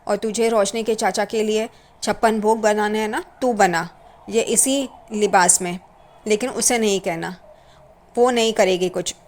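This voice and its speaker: A woman's voice: medium pitch, fairly even intonation, measured pace, close to an everyday voice. Stern elderly matriarch, commanding tone, voiced by a woman recapping. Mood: scolding.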